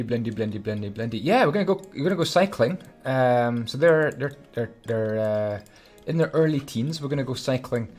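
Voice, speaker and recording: A man's voice: mid-range voice, a little mellow. Chatty Scottish man narrating a build. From Scotland. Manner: chatty, hums and mutters while concentrating. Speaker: Minecraft YouTuber. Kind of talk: casual build commentary.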